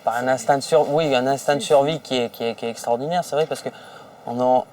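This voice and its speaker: A man's voice: medium pitch, fast, a little mellow, a little hiss or hum. A man telling colloquial anecdotes in an informal documentary interview, as a member of an expedition. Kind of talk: informal spoken recollection. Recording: dry, slightly distant microphone.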